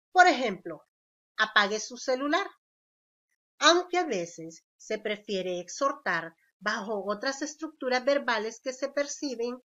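A woman teacher with a Honduran accent reads a scripted lesson. Her voice sits a little high and swings widely in pitch, making each example sentence expressive. She speaks slowly and carefully, and the recording sounds somewhat dull and lo-fi. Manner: slow, careful reading with lively, expressive intonation on examples.

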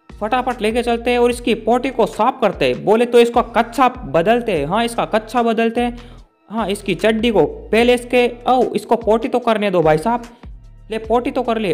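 A man rattles off playful gameplay commentary. He is excitable and joking, talking straight to the character on screen and to his viewers. Faint music plays underneath. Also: extremely high pitch. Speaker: gaming YouTuber.

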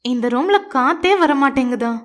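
A woman's voice: sits high, moderate pace, lightly acted. A woman doing a cheeky young best friend. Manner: bantering, mischievous.

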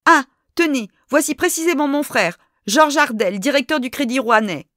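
Shrill, excited lady passenger, put on by a woman reader, high and insistent, in a dry close recording. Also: normal speed, dry recording. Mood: agitated.

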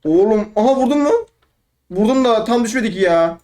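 A young man giving excitable, rambling let's play commentary, trash-talking opponents and talking to himself. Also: high voice, fairly quick. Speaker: gaming YouTuber.

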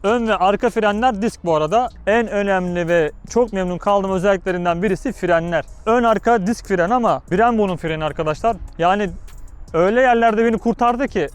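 A man's voice: sits high, brisk, clear, resonant tone. A man speaking from inside a motorcycle helmet, giving casual, slangy motovlog commentary with explanations and rhetorical questions. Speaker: motorcycle vlogger reviewing his bike.

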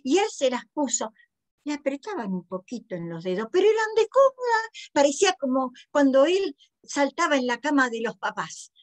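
High-voiced Argentine woman telling a story. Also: moderate pace. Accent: Rioplatense Argentine. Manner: expressive, with big pitch swings for emphasis. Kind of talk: oral storytelling.

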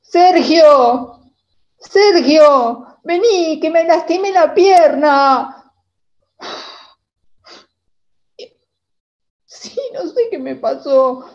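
A woman with an Argentine accent playing a timid young girl in a theater monologue, talking in a hesitant, halting way. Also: medium pitch, gravelly, highs cut off. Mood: pleading. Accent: Argentine Spanish. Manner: hesitant, halting, many restarts. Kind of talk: theater monologue, reliving a memory.

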